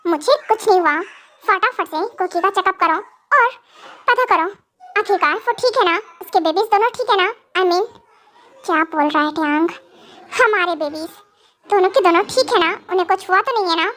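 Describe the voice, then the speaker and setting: For an amateur fan dub, a reader voices a young male mafia boss who is vengeful and possessive, speaking in a bright, forceful, very high-pitched voice at a moderate pace. His mood is anxious and bossy as he broods, threatens, then starts fussing.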